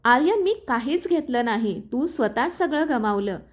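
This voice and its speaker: A woman voicing a steady, protective young male hero in a spoken storybook, speaking firmly and calmly. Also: on the high side, moderate pace.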